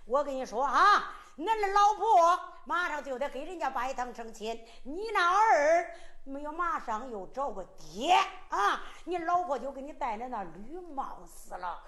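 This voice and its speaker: A woman's voice: high-pitched, big pitch swings, measured pace, fairly bright tone, exaggerated voice. A woman with a Henan accent voicing a blunt, hot-tempered middle-aged boatman who scolds and urges hard. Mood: scolding. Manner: scolding, emphatic.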